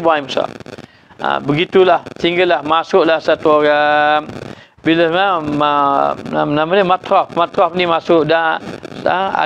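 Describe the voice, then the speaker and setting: A man with a Malaysian accent teaches a religious text, saying each point twice and peppering his talk with short "ha" interjections. His voice sits a little high. The recording is dull and lo-fi, with faint traffic noise in the background. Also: a bit bright. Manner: explains by repeating, frequent "ha" interjections. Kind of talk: religious lecture on a classical text.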